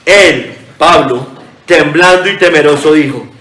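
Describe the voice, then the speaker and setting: Pastor guy preaching earnestly, reading scripture out, slightly high voice, echoey room. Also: a little slow, background noise. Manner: earnest preaching, addresses hearers as brothers, reads scripture aloud. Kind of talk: sermon.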